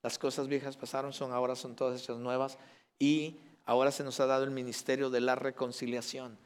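A Mexican pastor with a Mexican Spanish accent preaches a sermon, swinging between loud, emphatic lines and soft, intimate asides. His mid-range voice has little pitch movement, a clean tone, and a slightly fast pace.

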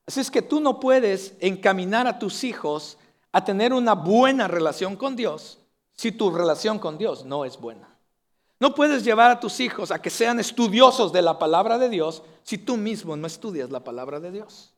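A male pastor preaching an earnest sermon to his congregation, building to emphatic declarations. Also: high voice.

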